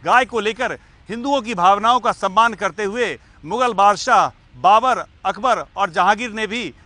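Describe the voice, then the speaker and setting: A man reading a scripted news report in a crisp, clear way. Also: sits high, normal speed, bright, forceful tone, no room sound. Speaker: news narrator.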